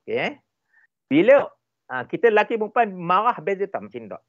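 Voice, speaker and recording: Malaysian guy, relationship expert, lively and emphatic, kinda higher voice, dull dry sound. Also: a little fast, no room sound. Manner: animated, emphatic, repeats points for effect. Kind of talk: explanatory interview talk.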